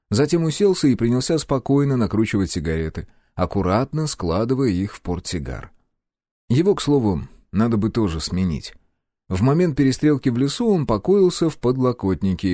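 Low, dark-voiced male audiobook narrator. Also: sing-song, brisk, no room sound, clean studio sound. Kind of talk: first-person audiobook narration.

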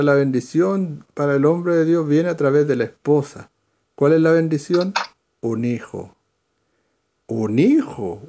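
A man's voice: a little high, darkish tone. A man leading a verse-by-verse Bible study, explaining and calling on readers by name.

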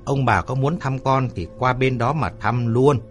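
A man's voice: mid-range voice, measured pace, soft background music, lightly acted. A man doing a cocky, brash young man. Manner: cocky and offhand.

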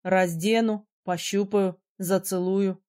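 A haughty young prince of a mage, short-tempered and used to giving orders, as a woman reading the book puts him on. He speaks in clipped, commanding lines at an ordinary middle pitch. It is a storybook character voice. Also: level tone, normal speed, darkish tone, lightly acted. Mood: teasing. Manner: curt, commanding. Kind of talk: audiobook character voice.

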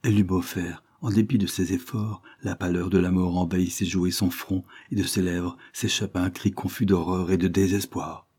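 Husky low-voiced guy reading a novel aloud, mellow dark tone, measured dramatic delivery. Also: little pitch movement. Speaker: audiobook narrator. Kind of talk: scripted narration.

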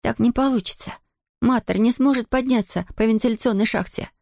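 A woman's voice: a little high, a little fast, gravelly, a little mellow, dry recording, clean studio sound, voice pushed up. A woman voicing a brave, determined young girl who talks urgently and gives orders. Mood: insistent. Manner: urgent, commanding.

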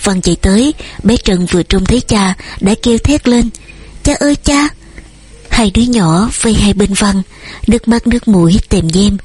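A woman narrates an audiobook with a steady, storytelling delivery. Her voice is breathy and slightly husky, with a medium pitch. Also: moderate pace, no echo.

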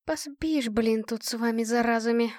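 A woman's voice: high-pitched, animated, moderate pace, no room sound, studio quality, voice pushed up. A woman voicing a sleepy, grumpy young woman who grumbles and complains. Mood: sleepy grumbling.

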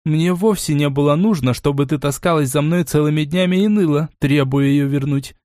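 A man's voice: fairly high pitch, moderate pace, darkish tone, dry recording, clean studio sound, natural voice. A man reading an audiobook and voicing a cold, domineering aristocratic mother who grumbles and commands.

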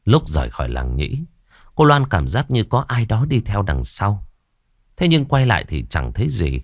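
A man narrating a ghost story audiobook in an expressive, dramatic manner. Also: on the low side, normal speed, no echo, clean studio sound.

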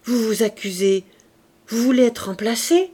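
A woman's voice: mid-range voice, animated, slow pace, vocal fry, breathy edge, full character voice. A woman reading an audiobook, voicing a male town mayor who fires off urgent, bewildered questions. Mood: agitated.

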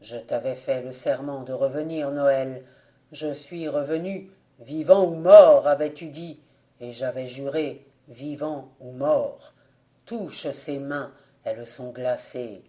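A man reading an audiobook voices the ghost of a young soldier, speaking in a hushed, slow and mournful way. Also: medium pitch, close to an everyday voice. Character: ghost of a young male soldier, sorrowful and weary.

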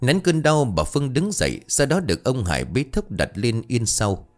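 A man narrating a ghost story in an expressive, dramatic way. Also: medium pitch, normal speed, faint music behind.

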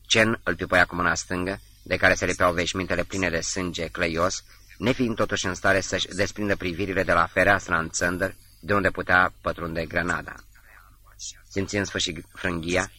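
A man reading a novel aloud as an audiobook narrator, in a measured, steady way. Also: low voice.

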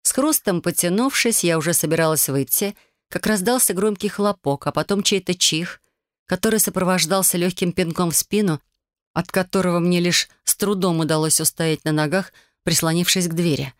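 A woman reading a first-person story aloud in a calm, even storytelling manner. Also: fairly low pitch, moderate pace, no echo. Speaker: audiobook narrator.

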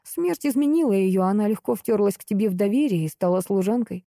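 A woman's voice: medium pitch, fairly quick, warm tone, no echo, studio quality, close to an everyday voice. A woman reading the lines of a young male duke in an audiobook, stern yet pleading.

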